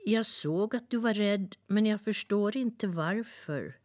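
A woman voicing a chirpy little talking nightingale from a dream world, chirping and excited as she reads a storybook aloud. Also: mid-range voice, no room sound, studio quality, pitched above the performer's own voice, close to an everyday voice. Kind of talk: storybook reading.

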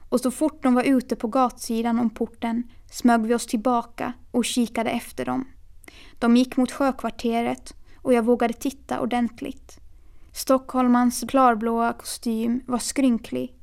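A woman reading a children's novel aloud in a steady, quiet storytelling manner. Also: fairly high pitch, creaky, clear, resonant tone. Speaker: narrator. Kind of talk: audiobook reading.

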